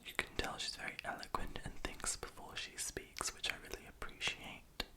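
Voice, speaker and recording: A young adult speaking in a soft, breathy, unvoiced whisper, rambling hesitantly and self-deprecatingly to the viewer in an ASMR style. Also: moderate pace. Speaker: ASMR video creator. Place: small room in a house at night.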